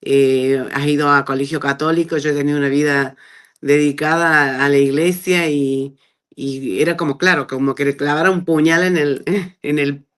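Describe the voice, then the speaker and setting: A middle-aged woman with an Argentine accent, telling her personal testimony in a conversational way and acting out the dialogue she quotes. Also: moderate pace. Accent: Argentine Spanish. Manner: animated storyteller who acts out quoted dialogue with big pitch jumps. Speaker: guest giving a testimony.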